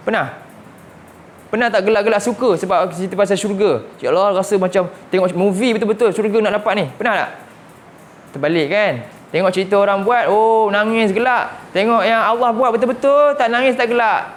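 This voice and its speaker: A man's voice: high voice, slight background noise. A man with a Malaysian Malay accent teaching a Quran lesson, firing repeated questions at his students and slipping in English words. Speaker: religious teacher. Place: mosque classroom.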